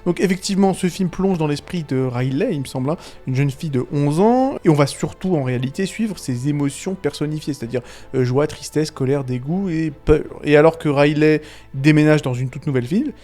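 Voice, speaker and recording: Chatty, rambling man with a slightly high voice. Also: a little fast, dark tone, faint music behind. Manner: rambling, heavy on fillers and restarts, chuckling; slangy and irreverent. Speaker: YouTube film commentator. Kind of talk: casual video commentary.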